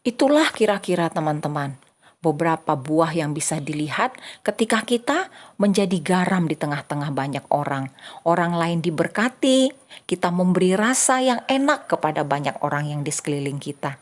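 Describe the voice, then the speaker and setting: A young woman giving a lively children's church sermon, addressing the kids directly and acting out small voices and exclamations. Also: fairly low pitch, normal speed. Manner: animated, acts out little voices and exclamations for kids.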